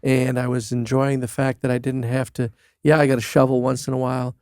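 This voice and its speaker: A man's voice: medium pitch, little pitch movement, a little mellow, smooth, dry recording. Dry-humored man guest on a podcast. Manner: dry, understated humor, slow and reflective. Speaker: podcast guest, church staff. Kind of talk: casual church podcast chat.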